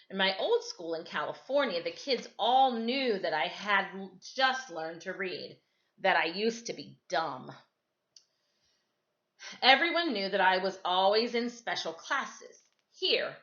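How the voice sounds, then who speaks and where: Reading a storybook aloud to children in a casual way, a woman with a bright, medium-pitched voice plays storytime reader. She's indoors at home, moving between the kitchen and another room. The camera mic picks her up in an echoey space, and the audio sounds slightly dull.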